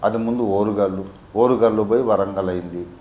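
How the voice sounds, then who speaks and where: A man from Warangal, a pastor teaching a Bible sermon, swinging between quiet asides and emphatic peaks. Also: fairly low pitch, brisk, reverberant. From Warangal, India.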